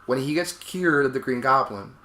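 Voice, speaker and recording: Over gameplay, this let's play co-host offers strong, emphatic opinions in a casual chat, saying things again in different words. He speaks at medium pitch and moderate pace with a bright, forceful delivery. Faint noise sits behind a roomy echo.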